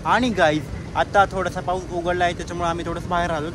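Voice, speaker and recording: A man's voice: high-pitched, level tone, fast talker. A young man chatting to viewers on a phone vlog outdoors in the rain, teasing and talkative. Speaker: vlogger. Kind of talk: casual vlog chat. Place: outdoors in heavy rain, city street. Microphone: handheld phone. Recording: rain noise on a phone mic. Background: rain and traffic.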